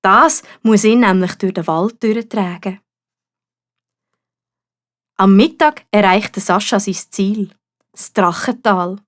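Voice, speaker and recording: A woman's voice: medium pitch, takes it slowly, long pauses. A woman with a Swiss German accent narrating a children's story expressively, as a storyteller.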